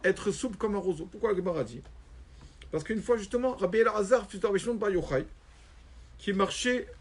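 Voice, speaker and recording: A rabbi telling a story in a religious lesson, animated and acting out quoted voices. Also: male voice, sits high, fairly quick.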